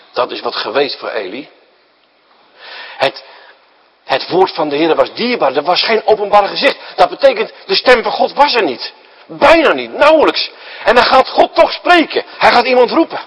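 The recording has its highs cut off, capturing a husky, slightly high male voice as he preaches to his congregation. Acting out the story and posing rhetorical questions, he alternates loud emphasis with quiet asides.

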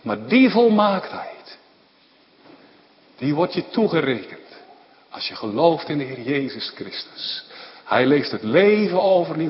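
Animated preacher in an echoing hall. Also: male voice, mid-range voice. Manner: animated, rising to emphatic outbursts, frequent tag questions. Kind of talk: sermon. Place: church. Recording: dull lo-fi recording in a reverberant hall with faint background noise.

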